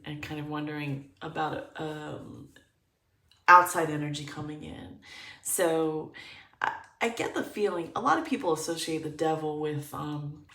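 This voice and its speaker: A woman leads a pick-a-card tarot reading in a low, unhurried voice. She thinks out loud, stopping to search for words while staying upbeat. Her voice is recorded a little away from the mic in an echoey room. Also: creaky, distant mic. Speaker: tarot reader.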